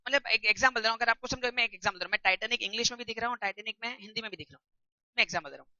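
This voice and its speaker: A man's voice: high voice, racing, pushed and bright, no room sound, dull audio. A man teaching a lecture class in a conversational way, often putting questions to his students.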